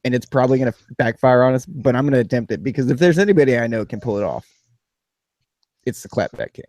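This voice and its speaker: Sarcastic rambling podcast host. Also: male voice, medium pitch, very fast, dry recording. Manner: sarcastic, rambling, shifting from flat to animated. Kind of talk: casual podcast chat.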